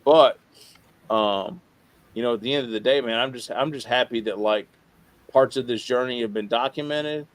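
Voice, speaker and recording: Man, medium pitch, informal podcast guest, rambling and halting delivery, loose swearing. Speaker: podcast guest, radio show co-host. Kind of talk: casual interview talk.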